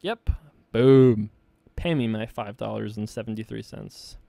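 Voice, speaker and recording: A man hosting his own poker series, thinking aloud in a relaxed, joking way while he plays hands online. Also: lowish voice, moderate pace, vocal fry, no echo. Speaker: poker player and show host. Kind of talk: casual online poker commentary. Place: home desk setup.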